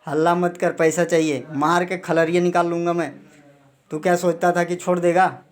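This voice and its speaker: A man's voice: sits high, flat delivery, moderate pace. A man angrily interrogating and scolding people indoors, repeatedly barking "huh?" and issuing demands. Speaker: man confronting suspected thieves. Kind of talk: heated interrogation. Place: rented room, indoors.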